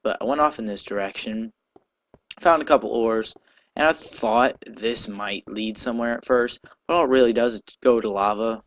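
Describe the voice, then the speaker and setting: A man's voice: mid-range voice, moderate pace. A man casually narrating his own gameplay, rambling and chatty, with restarts and sleepy yawns, on a cheap amateur mic. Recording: dull lo-fi home recording.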